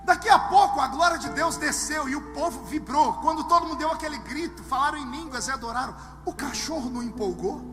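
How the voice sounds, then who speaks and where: A man preaching a sermon to a live congregation, telling humorous stories and swinging from hushed asides to shouted lines. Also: very high-pitched, brisk, hardly any pauses. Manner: humorous storytelling. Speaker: pastor. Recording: long hall reverb with music underneath.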